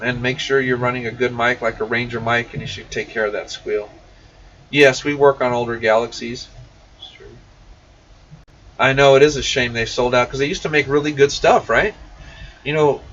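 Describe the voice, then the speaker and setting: Reading out viewer comments and responding in an easy, folksy manner, a man runs a relaxed shop livestream. His voice is mid-range and fairly bright, picked up by a distant, muffled mic with a little background noise.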